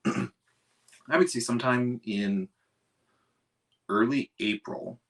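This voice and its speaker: A man in his thirties from Canada, telling of a relapsing illness in an interview, measured and clearing his throat often. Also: low voice, pushed and bright, distant mic. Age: 30s.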